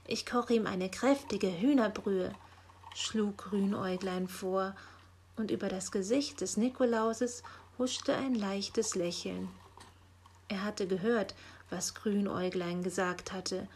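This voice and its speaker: A woman narrating a children's story in a calm, gentle reading voice. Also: medium pitch, a little hiss or hum.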